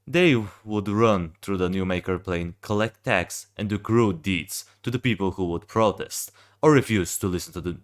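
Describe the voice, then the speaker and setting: A young man who just woke up reads a fan-made game backstory aloud, stumbling and restarting often. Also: sits low. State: just woken up. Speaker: game fan reviewing a hero design.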